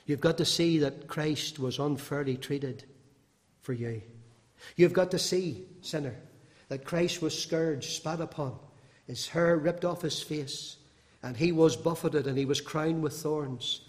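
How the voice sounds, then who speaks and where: A man preaching an impassioned sermon, his voice moving between loud and hushed, with long hall reverb. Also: on the high side, measured pace.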